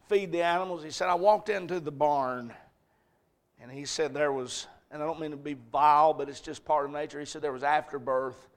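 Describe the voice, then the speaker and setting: A man delivers a sermon from the pulpit, his voice sitting a little high for a man. He tells a story at an easy storytelling pace, then climbs into loud, shouted peaks at the key moments. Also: clear, resonant tone. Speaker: pastor.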